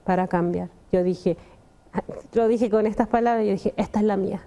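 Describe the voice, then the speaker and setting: A woman's voice: medium pitch, fairly even intonation, moderate pace, dark tone. A young adult woman, giving an earnest personal testimony and often addressing the pastor. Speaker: testimony guest.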